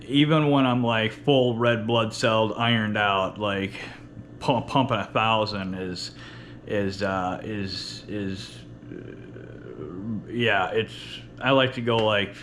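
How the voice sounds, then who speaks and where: A man with a fairly low voice rambles through a casual workout vlog. He speaks with a lisp and whistling s, blunt and full of swearing. There is faint room noise behind him. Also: a bit bright. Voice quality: lisp with whistling s, from missing top teeth. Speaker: workout vlogger. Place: indoor home workout space with running fridge.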